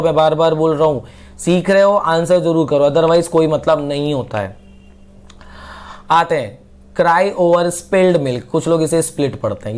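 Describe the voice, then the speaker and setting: A young man teaching English idioms in a casual online coaching lesson, chatting with viewers and slowing down to read example sentences. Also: a little high, darkish tone. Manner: chatty, addresses viewers as bhai sahab, slow when reading English examples.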